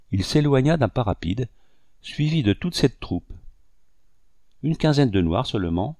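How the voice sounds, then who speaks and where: Guy reading an audiobook, low gravelly voice, dark tone, dry sound. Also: no echo. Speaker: audiobook narrator. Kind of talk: scripted narration.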